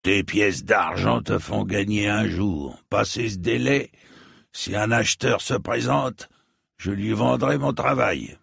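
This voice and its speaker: Man narrator as blunt proud armorer, gravelly, low and slow, storybook voice. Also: a bit bright, no room sound, studio quality, heavily acted. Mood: gruff. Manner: gruff, blunt, matter-of-fact. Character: stocky proud bearded male armorer, blunt.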